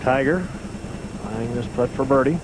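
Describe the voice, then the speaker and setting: A man's voice: medium pitch, a little slow. A man commentating live on televised golf as the lead announcer. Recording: loud outdoor ambience, engine-like noise.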